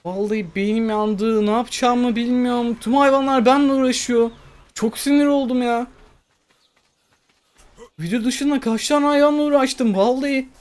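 Excitable woman commenting her gameplay. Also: fairly high pitch, moderate pace. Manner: excitable, talks to herself while playing. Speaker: gamer. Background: faint game music.

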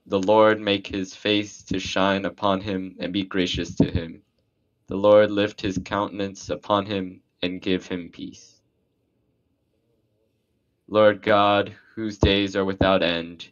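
A man leading a graveside burial prayer, reciting liturgy in a solemn, measured way. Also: sits low, highs cut off. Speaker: priest.

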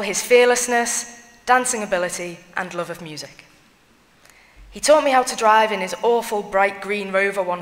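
Woman reader, solemn measured eulogy reading, medium pitch, long church echo. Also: a bit bright. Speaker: reader of family tributes at a funeral. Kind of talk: reading written eulogies aloud.

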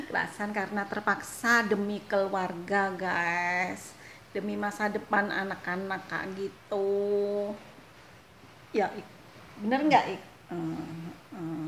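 A woman's voice: medium pitch, slow pace, fairly bright tone. A woman from Indonesia, chatting casually to her viewers in a vlog and laughing often. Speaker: vlogger. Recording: echoey room, faint noise.

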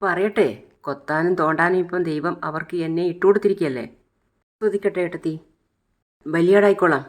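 A woman's voice: on the low side, brisk, pauses often, natural voice. A woman playing a bitter, self-pitying young woman. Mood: resentful.

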